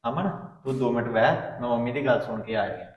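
A patient young husband, played by a man who keeps the peace with quick, placating words in a web drama. He speaks fast in a roomy, echoing room. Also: mid-range voice, lo-fi sound, lightly acted. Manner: calm, placating. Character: patient young husband soothing mother and wife.

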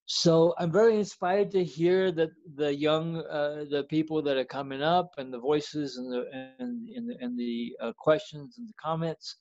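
A man giving a slow, halting comment over a video call, with many restarts. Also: a little high, fairly even intonation, a little mellow, no room sound. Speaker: audience participant in online talk. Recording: dull lo-fi call audio.

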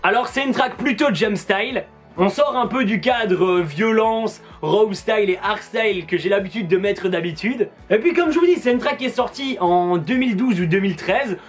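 A Belgian man with a Belgian French accent, chatting casually and enthusiastically about music tracks in a joking vlog style. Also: high voice. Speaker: DJ and music video host.

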